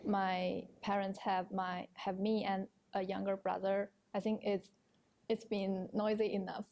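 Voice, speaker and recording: A nineteen-year-old woman from China whose first language is Chinese, answering interview questions in a thoughtful, measured way. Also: medium pitch, little pitch movement, darkish tone. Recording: faint background noise.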